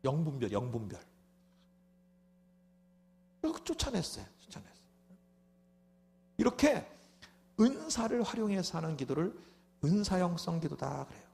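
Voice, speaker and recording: A man preaching a sermon as pastor at a revival meeting, animated, with rhetorical asides, who acts out prayers and builds into loud shouted prayer. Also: on the high side, normal speed, vocal fry, pauses often.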